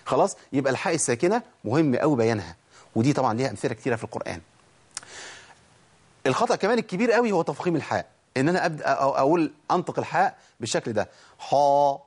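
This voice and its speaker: A man with an Egyptian Arabic accent teaching Quran pronunciation. He asks questions and answers them himself, and draws out the sounds he demonstrates slowly. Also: medium pitch, sing-song, breathy edge. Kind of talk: pronunciation lesson.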